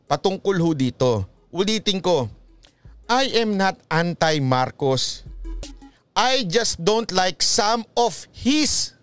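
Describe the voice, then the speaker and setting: High-voiced man giving mocking political commentary. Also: very animated, slow, fairly bright tone, smooth, no room sound, faint music behind. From Philippines. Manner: mocking and lecturing, chuckles often, switches into English. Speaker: political vlogger.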